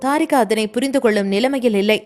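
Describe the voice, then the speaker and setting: A woman's voice: on the high side, quick pace. A woman reading a romantic audio story aloud with dramatic, emotive delivery. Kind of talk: scripted narration.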